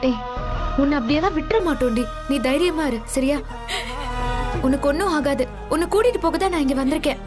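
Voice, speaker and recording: A woman's voice: high voice, fast, over music, lightly acted. An actress playing a determined young woman who firmly reassures a frightened relative in a TV serial. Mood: resolute. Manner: firm, reassuring. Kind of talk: TV serial acting.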